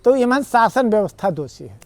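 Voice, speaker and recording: A man's voice: high voice, very animated, normal speed, a little mellow, no room sound. A man with an Awadhi accent, a guest in a TV interview, arguing his points earnestly in long rambling explanations. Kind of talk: conversational interview.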